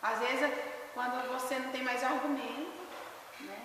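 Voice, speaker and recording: A woman's voice: high-pitched, moderate pace, background noise. A woman pastor teaching a discipleship class informally, telling anecdotes and often checking in with her listeners. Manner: lively storyteller, often asks "né?". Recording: echoey hall, distant mic.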